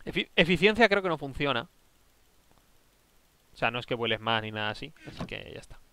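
Bright, lively man explaining gameplay. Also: medium pitch, brisk, smooth, no room sound. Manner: bossy, explains at length, teasing. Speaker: gaming YouTuber. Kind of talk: casual gameplay chat.

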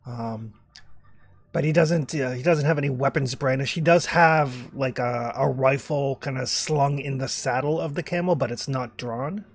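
A man's voice: mid-range voice, normal speed, no echo. A man narrating as game master, hesitant with lots of fillers.

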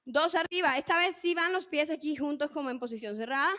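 A woman's voice: high-pitched, a little fast. A woman coaching a live online fitboxing class, calling out counts and cheering the students on. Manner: energetic, encouraging, calling out counts and cues. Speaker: fitboxing instructor.

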